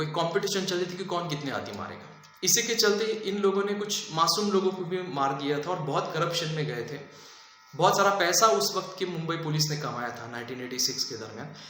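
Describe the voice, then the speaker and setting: A man talks through a film review in a loose, chatty way, circling back with fillers and restarts. His voice sits a bit high and bright. The room rings with heavy echo over a faint hum.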